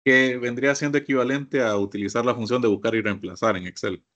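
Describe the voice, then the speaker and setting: Speaking a little fast in a steady, mid-range voice with a bit of brightness, a man shares his screen to teach software, guiding the class through each step and frequently asking them to look. The recording is muffled.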